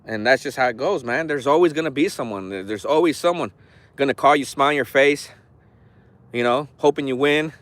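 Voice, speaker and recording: Slightly quick and fairly bright, this mid-range male voice comes through a dry recording. He's an RC hobby vlogger in his forties, chatting casually on a phone livestream outside by an orchard, rambling, blunt, and full of cursing and tough talk.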